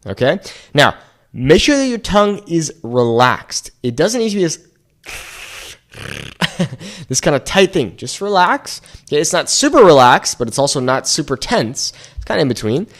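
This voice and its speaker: A man's voice: fairly high pitch, very animated, normal speed, fairly bright tone. A man teaching casually to viewers, explaining things step by step in an encouraging way. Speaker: Spanish teacher and video host. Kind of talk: casual instructional talk to viewers.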